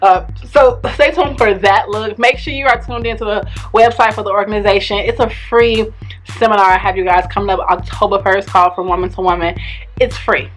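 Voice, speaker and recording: A woman's voice: medium pitch, steady tone, fairly quick, faint music behind. Blunt, outspoken woman vlogger. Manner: blunt, outspoken, swears freely; eating while talking. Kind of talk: casual opinionated chat. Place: home in Minnesota.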